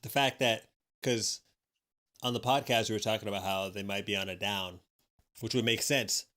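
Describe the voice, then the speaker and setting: A man's voice: fairly low pitch, fairly even intonation, normal speed, pushed and bright. A man hosting a casual stream chat, laid-back and full of slang. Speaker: stream host.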